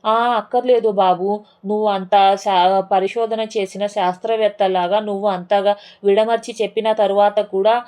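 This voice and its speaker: A woman's voice: mid-range voice, flat delivery, normal speed, warm tone, close to an everyday voice. Evasive, fearful middle-aged mother, read by a woman narrator. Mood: wary.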